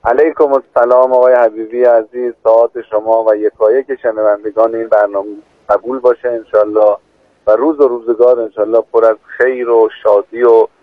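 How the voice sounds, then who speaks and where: A male cleric explains religious teachings point by point, measured and calm. His voice comes in over a tinny phone line. The sound is dry. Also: medium pitch, dry recording. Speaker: cleric guest. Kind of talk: religious talk.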